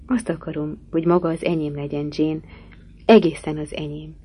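A woman reading aloud as a passionate, brooding middle-aged gentleman who pleads ardently. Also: sits low, level tone, slightly rough. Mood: pleading.

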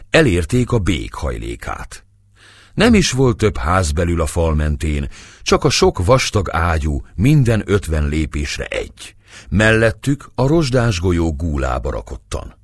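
A man's voice: low voice, dry recording, studio quality. A man narrating a novel as an audiobook reader, telling the story expressively.

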